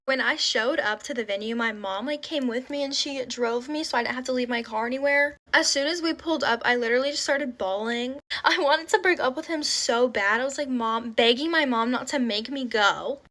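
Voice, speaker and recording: A woman's voice: high voice, brisk, hardly any pauses. A young woman telling a personal story in a casual storytime vlog, chatty and full of "like," acting out the lines of the people in it. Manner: chatty, filler-heavy with frequent "like"; animated retelling with quoted dialogue.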